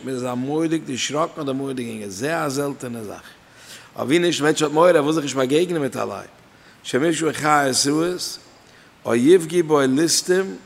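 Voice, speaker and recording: A man's voice: mid-range voice, vocal fry, big-room sound. A man teaching a Torah lesson in a sing-song study chant, his emphasis rising and falling. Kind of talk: Talmudic lecture in Yiddish-inflected German.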